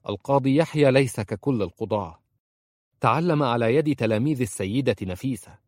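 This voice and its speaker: A man's voice: mid-range voice, animated, fairly quick, darkish tone, dry recording, clean studio sound, pitched above the performer's own voice, close to an everyday voice. A man voicing a young orphan bookseller who pleads politely and persistently. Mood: earnest. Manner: earnest, respectful pleading. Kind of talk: audiobook character voice.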